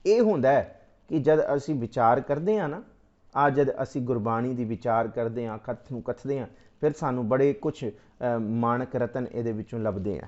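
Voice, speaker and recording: A man giving a Sikh scripture exposition, reciting verses slowly and then explaining them phrase by phrase, asking and answering his own questions like a teacher. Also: medium pitch, darkish tone, dull audio.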